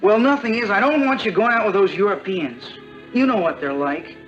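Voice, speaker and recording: An actor playing an earnest, jealous teenage boyfriend in a 1960s TV sitcom. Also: male voice, high-pitched, a little fast, a bit bright, faint music behind. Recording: dull old TV soundtrack.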